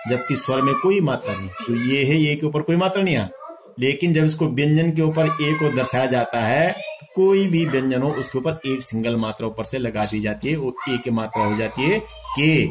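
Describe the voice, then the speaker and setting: A man's voice: a little high, slight background noise. A man teaching a lesson, patiently sounding out syllables one by one and explaining each. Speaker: Hindi teacher. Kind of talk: instructional lesson.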